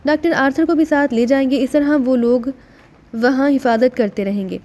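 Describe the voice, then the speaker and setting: A woman voicing a commanding female leader in an audiobook, brisk and in charge. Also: high voice, mellow, natural voice. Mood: pleased.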